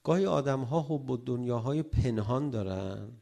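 A middle-aged man delivers a sermon with a gravelly edge to his voice. He is animated, and his voice climbs when he acts out arguments between spouses. His pitch sits in an ordinary middle range. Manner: animated, acts out quarrels in a raised voice. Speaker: cleric giving a religious talk on marriage.

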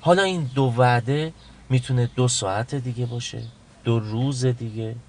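A man in a comedy sketch slowly reading out personality traits one by one, in a deliberate way. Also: medium pitch.

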